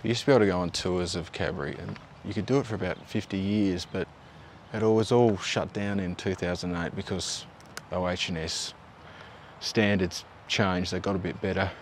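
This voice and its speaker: A man's voice: low voice, normal speed, slight background noise. A man in his thirties from Tasmania with an Australian accent, presenting a local history video outdoors in an easygoing, conversational way. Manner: relaxed, conversational, offhand asides. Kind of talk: casual on-location presenting. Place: outdoors by a river and on park paths.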